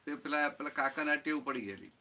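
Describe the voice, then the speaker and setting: A man's voice: on the high side, fast, pushed and bright. A man giving a satsang talk as spiritual teacher, explaining with everyday examples and often checking that listeners follow. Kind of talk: satsang talk answering a question.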